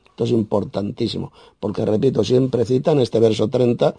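A man with a Spain Spanish accent preaching a verse-by-verse sermon, emphatic and scornful, with sudden loud, high bursts and a habit of tagging his points with "¿eh?". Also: moderate pace, gravelly, slightly rough, dry recording. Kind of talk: sermon, verse-by-verse Bible exposition.

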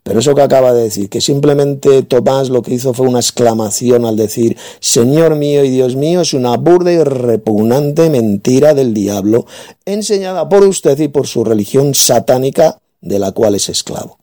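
A man's voice: mid-range voice, lively intonation, moderate pace, warm tone. A man from in a heated religious debate, combative and insulting, hammering his points home with repetition.

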